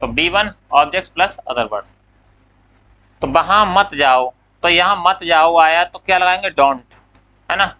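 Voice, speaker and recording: Guy teaching grammar, really slow, bright kinda high voice, asks stuff then answers it himself. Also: low-quality recording. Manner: slow, drawn-out dictation of English words. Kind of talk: classroom lecture.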